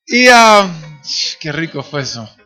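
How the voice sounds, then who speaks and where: A man in his thirties preaching a sermon in church, telling family stories, acting out the voices of the people in them and shouting at the high points. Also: very animated, slow, soft background music. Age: 30s. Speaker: pastor. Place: church sanctuary.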